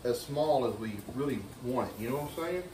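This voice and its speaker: A middle-aged man jokes around while cooking at home. His voice sits at an ordinary pitch. He sounds far from the microphone, in an echoey kitchen. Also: brisk, darkish tone, slight background noise. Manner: joking, playful banter. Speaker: cooking show co-host. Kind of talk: casual home cooking chat. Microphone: far camera across the room.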